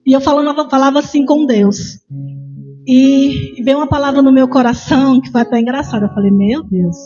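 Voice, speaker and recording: A woman's voice: sits high, steady tone, normal speed, music in the background. Conversational Brazilian woman preaching. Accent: Brazilian Portuguese. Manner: conversational, frequent "né" tag questions. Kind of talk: sermon with personal testimony. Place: church chapel. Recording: muffled lo-fi sound, faint instrument behind.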